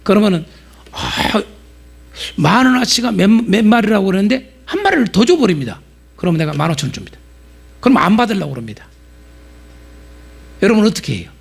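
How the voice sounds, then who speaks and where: A middle-aged man preaching a lively sermon-lecture in a church, animated and jumping between quiet asides and loud acted-out outbursts. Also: high voice, brisk, gravelly, long pauses, husky. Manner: animated, acts out market sellers with sudden loud outbursts. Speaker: pastor and Bible lecturer.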